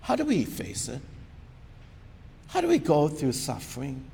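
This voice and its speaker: Preacher with a gravelly, animated voice. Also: male voice, unhurried. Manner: earnest, conversational, rhetorical questions. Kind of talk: sermon. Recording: long reverb of a large hall, faint rumble.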